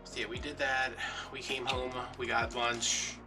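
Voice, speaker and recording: This late-thirties American man from around New Orleans does a craft vlog, talking casually and wandering through playfully dramatic tales with music behind him. The mic is distant, and his mid-range voice stays fairly flat in pitch at a measured pace.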